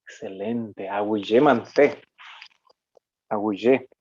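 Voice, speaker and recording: A man from Paraguay teaching a live online language class. He talks slowly and patiently, explaining each point and stopping to correct himself. The recording sounds a bit dull and lo-fi. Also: lowish voice, darkish tone, breathy edge. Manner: explanatory, with frequent fillers and self-corrections. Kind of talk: live online lesson, reading comments.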